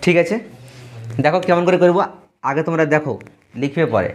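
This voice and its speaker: A man's voice: on the high side, a little fast. A man teaching a math lesson to students. He repeats key terms and asks questions, then answers them himself.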